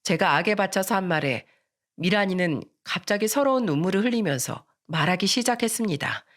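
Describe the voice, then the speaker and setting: A woman narrating a first-person drama story in polite, steady storytelling speech. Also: medium pitch, brisk.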